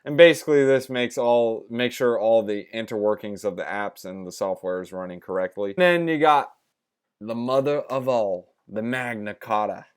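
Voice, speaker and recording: A young man with a clear, smooth voice hosts a casual crypto review vlog. He talks like a crypto bro, pitching to his viewers with informal slang and hype. His explanations are loose and chatty. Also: moderate pace. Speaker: crypto channel host.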